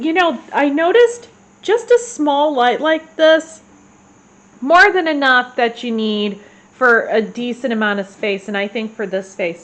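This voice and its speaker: A woman's voice: high voice, poor audio. A woman, congested and rambling in a casual gardening vlog, full of fillers and restarts. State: congested, clearing her throat. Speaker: gardening vlogger. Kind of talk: casual chat.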